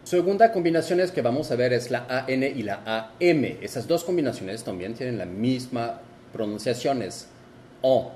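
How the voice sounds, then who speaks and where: A man giving a video lesson, explaining slowly and repeating and exaggerating each example word. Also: mid-range voice, expressive, darkish tone, slight background noise. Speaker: French teacher.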